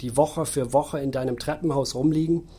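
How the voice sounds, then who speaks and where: Male reader playing a hushed mysterious mentor, low and even. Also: normal speed, slightly rough, natural voice. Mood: cryptic. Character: mysterious male guide, calm and cryptic.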